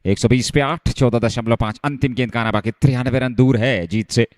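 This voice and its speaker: A male cricket commentator calling a match live, with excited delivery when the action picks up. His voice sits at a medium pitch, and the sound is close and dry. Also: brisk, dry recording.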